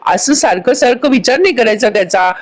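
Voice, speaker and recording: A patient, gentle young daughter-in-law, as a woman narrator reads her in a voice-over serial recap. Soft and calm, in a near-natural voice. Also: a little high, brisk.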